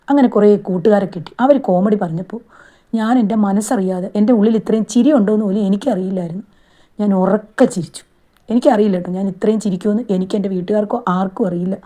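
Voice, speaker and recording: Fast-talking middle-aged woman vlogger. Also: mid-range voice, dark tone. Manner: earnest, plain-spoken storytelling. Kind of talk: casual monologue to camera.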